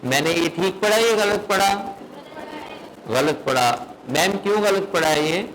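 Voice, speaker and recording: A man teaching a recitation class, quizzing his students on the rules and chanting verses slowly to show how they are read. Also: high-pitched, expressive, a bit bright, a little hiss or hum, rough recording. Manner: questions students, then chants verses in slow melodic recitation. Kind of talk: classroom lesson.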